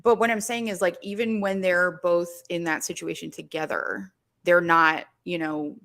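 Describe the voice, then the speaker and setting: Woman, low voice, gravelly fry, casual podcast chat, thinking aloud. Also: moderate pace. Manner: relaxed, laughs often, thinks aloud with fillers. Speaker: podcast co-host.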